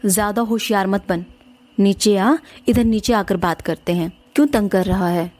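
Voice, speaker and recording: A woman's voice: mid-range voice, moderate pace, darkish tone, natural voice. A woman doing a stern old village exorcist. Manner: commanding, scolding.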